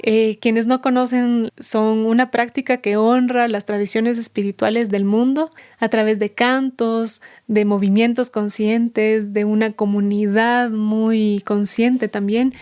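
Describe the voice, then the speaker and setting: A woman's voice: fairly high pitch, little pitch movement, a little slow, hardly any pauses, darkish tone, clean tone. A woman hosting a podcast, introducing her guest and then interviewing her in the guest's home. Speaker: podcast host.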